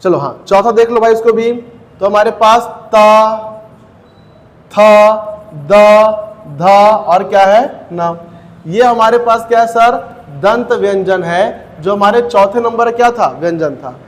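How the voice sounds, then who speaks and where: Male teacher, high voice, exam-prep grammar lesson, questions he answers himself, reverberant room. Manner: asks the class questions and answers them himself, repeating key terms; says each sound slowly, one by one.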